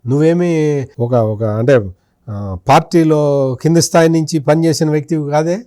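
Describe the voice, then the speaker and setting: Man, journalist guest, accusing commentary, rhetorical questions, mellow tone, dry sound. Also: a little high, moderate pace, no room sound. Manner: accusing, rhetorical questions aimed at an absent politician. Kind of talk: political commentary in an interview.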